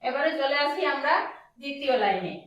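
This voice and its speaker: High-pitched woman, unhurried recitation lesson, spells out syllables, lo-fi muffled sound. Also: expressive, fairly bright tone. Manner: slow, syllable-by-syllable explanation. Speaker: Gita recitation teacher. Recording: echoey, distant, dull lo-fi.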